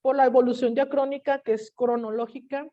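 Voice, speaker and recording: Telling a personal story during her online class, a Mexican teacher speaks in a lively way and performs the voices of those she quotes. She has a high voice and a brisk pace, captured on dull audio.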